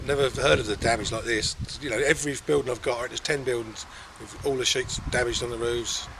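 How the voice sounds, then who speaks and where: A man's voice: medium pitch, steady tone, brisk, gravelly. A male farmer, giving a plain-spoken, rambling and matter-of-fact eyewitness interview. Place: outdoors in a farmyard. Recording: outdoor background noise, vehicle sounds.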